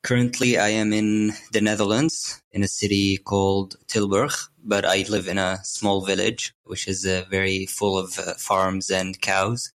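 Flat, gravelly young man from Syria. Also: low voice, measured pace, hardly any pauses. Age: young adult. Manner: hesitant, with many fillers. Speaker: podcast guest. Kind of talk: casual interview answers.

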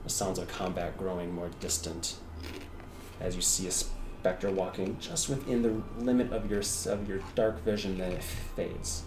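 A man's voice: deep voice, steady tone, moderate pace, over music. A man working as game master, narrating a tabletop game with casual asides. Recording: roomy, distant mic with background noise.

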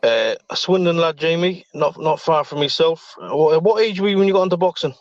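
A man's voice: a little high, fairly quick, dry recording, dull audio. A man, hosting a podcast in a casual, chatty style. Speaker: podcast host. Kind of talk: casual chat.

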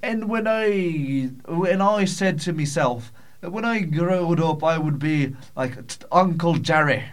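A man's voice: a little high, slow pace, voice pushed up. A man voicing a self-important Scottish man of noble birth in a put-on Scottish accent, rambling grandly and losing his thread. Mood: rambling mock-grand. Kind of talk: improvised comic character monologue.

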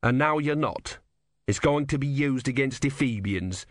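A man's voice: mid-range voice, normal speed, no echo, studio quality, close to an everyday voice. A man voicing a disillusioned young male priest with a sardonic, bitter manner.

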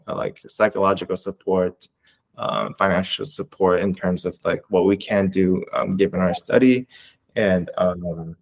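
Soft-spoken young man, rambling interview answers. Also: low-pitched. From Canada. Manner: rambling, restarts often, many fillers. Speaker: interview guest, clinical research coordinator. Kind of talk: casual interview.

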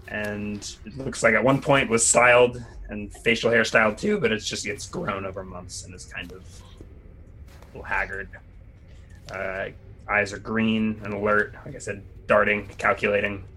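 A man at a tabletop game casually describes a character as it comes to mind. The voice is on the low side with a bright, clear edge. There is noticeable noise in the background. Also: steady tone, measured pace, rough recording.

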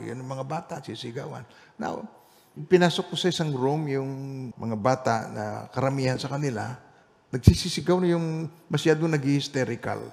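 Animated male pastor preaching in reverberant hall. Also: medium pitch. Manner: animated storytelling, swinging between loud emphasis and quiet asides. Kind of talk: Bible study sermon with personal testimony.

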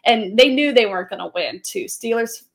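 A woman's voice: on the high side, lively intonation, brisk, gravelly. A pregnant woman in her thirties chatting casually as a podcast co-host, laughing often and trailing off into fillers. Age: 30s. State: pregnant, tires quickly. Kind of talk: casual chat.

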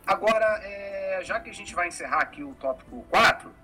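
Male host, bright voice, explaining calmly, faint music behind. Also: sits high, moderate pace, rough recording. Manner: thoughtful, explanatory. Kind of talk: casual discussion.

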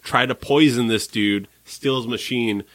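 A man co-hosting a podcast in casual chat, jokey and riffing with drawn-out deadpan remarks. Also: mid-range voice, dry recording. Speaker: podcast co-host.

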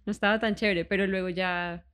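Woman in her thirties, middle pitch, a relaxed and unhurried podcast guest. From Colombia. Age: 30s. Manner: relaxed and easygoing, with frequent soft affirmations. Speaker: guest musician. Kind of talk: casual interview chat.

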